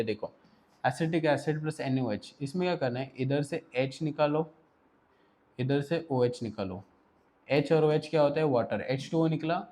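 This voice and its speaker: A man's voice: a little high, warm tone. A man teaching an exam revision lesson in a casual, directive way, often checking in with his students. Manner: casual, directive, Hindi-English mix, repeats "ठीक है".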